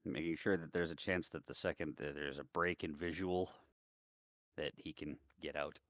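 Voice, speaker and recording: A man's voice: a bass voice, fairly even intonation, moderate pace, a bit bright, no room sound. A man playing in a tabletop game, dry and matter-of-fact. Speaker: player. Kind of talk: casual tabletop play.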